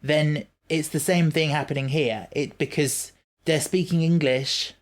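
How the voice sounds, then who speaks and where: A man in a casual podcast conversation. He lays out his reasoning calmly and step by step, pausing on fillers as he thinks. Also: on the high side. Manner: measured, reasons things out with fillers. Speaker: podcast co-host. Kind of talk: casual chat.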